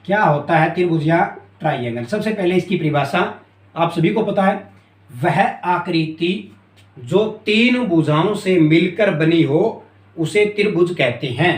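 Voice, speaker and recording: A man teaching a math lesson at a board, repeating key terms and often asking if it is clear. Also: on the high side, lively intonation, a little slow. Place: classroom with a board. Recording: echoey room.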